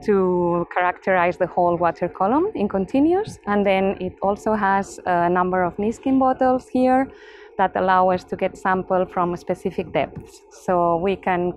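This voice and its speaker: A woman's voice: medium pitch, moderate pace, slight background noise. A woman scientist demonstrating a sampling instrument in careful, technical terms. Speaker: research scientist. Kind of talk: demonstrating equipment.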